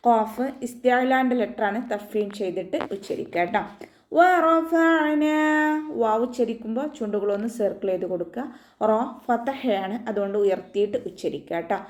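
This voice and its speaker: Patient woman teaching recitation, echoey room. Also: medium pitch. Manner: patient step-by-step instruction, frequent gentle reminders. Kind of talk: recitation rules lesson.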